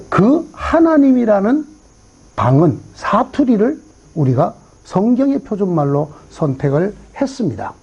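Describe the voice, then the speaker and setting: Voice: mid-range voice, mellow, husky, muffled recording. A pastor preaching a sermon at a church revival meeting, telling a story and asking the congregation rhetorical questions.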